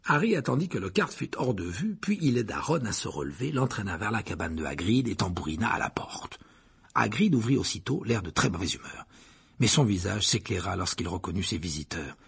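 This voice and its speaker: A man narrating an audiobook in an expressive, animated reading. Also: fairly low pitch, fairly quick, vocal fry, slightly rough.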